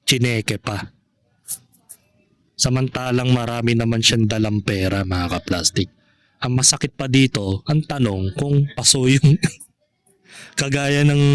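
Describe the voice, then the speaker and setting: A man vlogs to his followers, commenting on gossip with a mid-range pitch and a slow pace. He speaks haltingly, circling back over points and checking in with short rhetorical questions.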